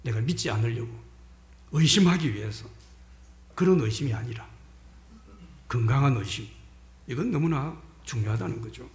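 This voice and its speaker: A man preaching a Sunday sermon as pastor, addressing the congregation with rhetorical questions and moving between forceful emphasis and hushed whispers. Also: medium pitch, lively intonation, moderate pace, long pauses. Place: church sanctuary during a Sunday service. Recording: echoey church hall.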